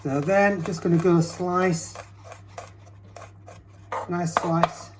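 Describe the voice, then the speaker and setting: A man's voice: high-pitched, steady tone, very slow. Jokey man in an echoey kitchen. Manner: jokey, teasing, chatty. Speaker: cooking show co-host. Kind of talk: casual cooking demonstration. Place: home kitchen. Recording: echoey kitchen with background noise. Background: chopping sounds.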